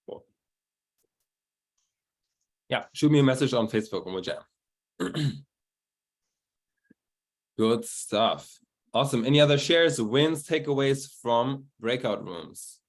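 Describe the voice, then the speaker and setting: A man hosts a group coaching call online, his medium-pitched voice animated and slow, with frequent pauses. Heard through a video call, he talks casually and cheerfully while hyping up his guests with energetic introductions.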